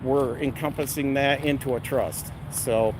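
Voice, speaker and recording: Clear background noise of a vehicle or the outdoors surrounds a middle-aged man with a mid-pitched voice. He rambles casually to his vlog followers in a blunt, salty, somewhat abrasive way. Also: fairly even intonation, unhurried. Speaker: vlogger. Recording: noisy outdoor or vehicle ambience.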